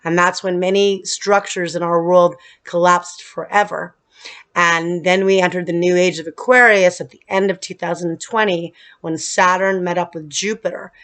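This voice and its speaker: A woman astrologer talks her viewers through a planetary event in a casual, explanatory way. Her voice sits a little low and sounds strained because she is losing it. Now and then she stumbles and restarts a phrase. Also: steady tone, normal speed, a bit bright. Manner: explanatory, with some restarts and filler. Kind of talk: casual astrology talk to camera. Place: humid place.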